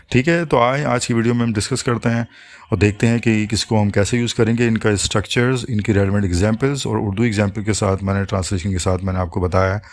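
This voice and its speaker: A man teaching an English grammar lesson, explaining patiently step by step and slowing down to spell out each English example. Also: fairly low pitch.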